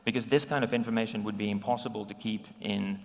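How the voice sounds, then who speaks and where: A man from Finland speaks to a conference crowd in a low, gravelly voice. He talks conversationally, pausing with ums and restarting his sentences. The live recording carries the long reverb of a large hall. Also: fairly even intonation. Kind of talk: conference talk with slides.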